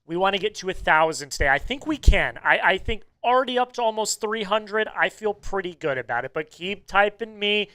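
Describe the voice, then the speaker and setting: A man co-hosting a live-streamed sports talk show, relaxed and encouraging viewers to join in. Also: sits high, brisk, few pauses, clean tone, dry recording. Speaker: co-host.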